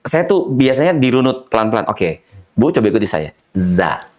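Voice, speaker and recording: A man who teaches Quran recitation tells stories from his classes in an easy, chatty way. His pitch moves widely as he acts out his students' slips, and he breaks into laughter often. He sits at a middle pitch. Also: fairly quick. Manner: animated, mimics students' mispronunciations, laughs often. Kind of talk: casual conversational storytelling.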